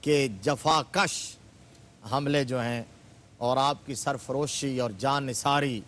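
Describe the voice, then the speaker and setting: A man's voice: mid-range voice, fairly even intonation, a bit bright. A man, a religious scholar guest on a TV studio program, retelling history with fervor and rising emphatic stresses. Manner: fervent, building to emphatic exclamations. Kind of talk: religious TV discussion, storytelling.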